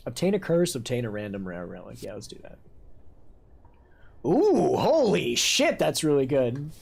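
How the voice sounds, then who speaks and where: A man's voice: medium pitch, big pitch swings, moderate pace, creaky, breathy edge. Profane joking male game streamer. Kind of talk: casual game stream commentary.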